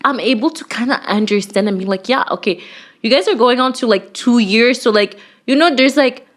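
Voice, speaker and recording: Emphatic, animated woman podcaster, fairly high. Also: a little fast. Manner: animated, emphatic, heavy use of "like"; teasing, presses her co-host with questions. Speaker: podcast co-host. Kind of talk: casual chat.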